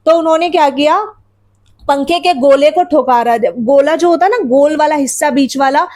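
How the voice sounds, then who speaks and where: Taking her class through a story from the textbook, a teacher with a high, slightly mellow voice speaks at a moderate pace. Again and again she explains what words mean, poses rhetorical questions and addresses the children directly.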